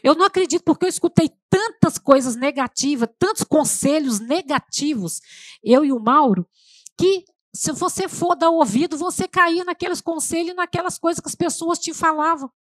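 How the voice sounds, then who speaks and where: Preaching in church at a moderate pace, a middle-aged Brazilian woman gives an emotional, conversational testimonial sermon and keeps addressing the congregation as "gente". Her voice sits high, and the recording is dry.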